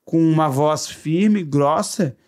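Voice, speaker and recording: A man's voice: a little high, slow pace, darkish tone. A man co-hosting a podcast, explaining in casual chat and acting out playful examples. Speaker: podcast co-host.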